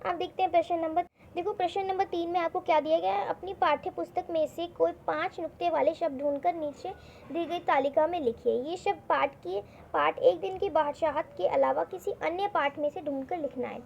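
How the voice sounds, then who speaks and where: A woman with a very high, creaky, slightly mellow voice teaches children a worksheet lesson a little fast, explaining step by step, repeating words, and asking the class questions. The lo-fi recording sounds dull and carries faint noise.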